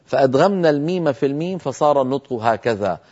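A man teaching recitation in a televised lesson, calmly explaining each rule and then demonstrating it slowly, with long, drawn-out nasal sounds. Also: mid-range voice. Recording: muffled broadcast audio.

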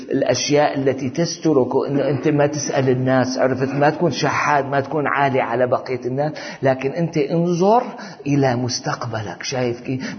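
Man, religious teacher, chatty lesson, slightly higher voice, muffled recording. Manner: conversational, often asks "you see?". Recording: dull audio with long hall reverb.

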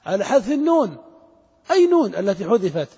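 A man's voice: high voice, big pitch swings, quick pace, warm tone, slightly rough. A man teaching Arabic grammar to a class, asking students questions and repeating their answers. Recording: muffled recording in a reverberant hall.

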